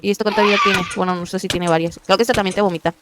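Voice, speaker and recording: A woman's voice: medium pitch, steady tone, very fast, very noisy. A woman giving casual gameplay commentary, chatty and often murmuring to herself. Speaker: gaming video creator.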